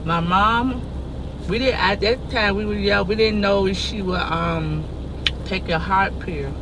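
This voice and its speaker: Riding as a passenger, a middle-aged woman from Florida gets interviewed and rambles casually, repeating herself in a folksy Southern Florida drawl. She speaks with medium pitch, a little slowly, amid the noise of the moving car and road.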